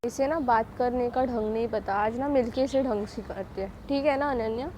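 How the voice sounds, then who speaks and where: A woman's voice: a little high, moderate pace, darkish tone, a little hiss or hum, lightly acted. A woman playing a scolding, doting mother. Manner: scolding, insistent. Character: scolding middle-aged mother, fussy and doting.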